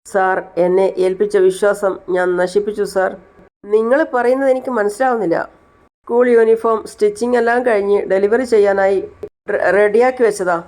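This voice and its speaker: A woman's voice: mid-range voice, fairly even intonation, normal speed, a little mellow, lightly acted. A woman doing an earnest, pleading heroine. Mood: tearful. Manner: pleading, tearful. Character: earnest young female tailor, heroine.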